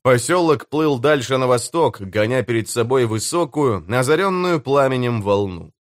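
Мужчина-чтец ровно и размеренно читает приключенческую аудиокнигу. Голос средней высоты, запись сухая, без эха комнаты. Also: male voice, mid-range voice, expressive, normal speed, dry recording, studio quality. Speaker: audiobook narrator. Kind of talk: scripted narration.

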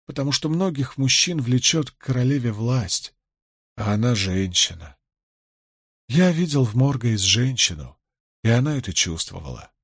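A man doing a soft low-voiced older gleeman. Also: sing-song, normal speed, slightly rough, dry recording, clean studio sound. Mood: tender. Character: gruff older male gleeman, gentle and rueful.

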